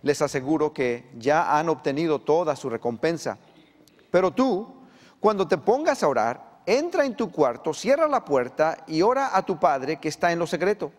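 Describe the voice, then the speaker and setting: A man preaching a sermon as pastor, with an animated delivery that climbs and presses harder when he drives a point home. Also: on the high side. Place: church sanctuary. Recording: long church reverb.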